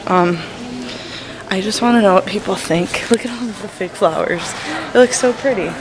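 A woman's voice: medium pitch, moderate pace. A young woman with an upstate New York accent, chatting casually as a vlogger into a handheld camera. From upstate New York, USA. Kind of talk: casual vlog chat. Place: car, outdoors and busy large shops. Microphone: handheld camera at arm's length. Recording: noisy handheld camera with surrounding ambience.

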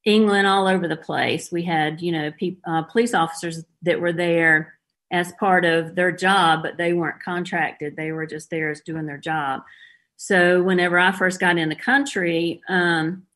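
A woman's voice: lowish voice, steady tone, normal speed, fairly bright tone. A middle-aged woman with a Southern US accent, a former police officer telling her story plainly as a guest in an interview.

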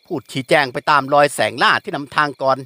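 A man narrating a classic novel in an animated storytelling manner. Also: fairly high pitch, fast talker, no room sound. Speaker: audiobook narrator. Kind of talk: novel reading.

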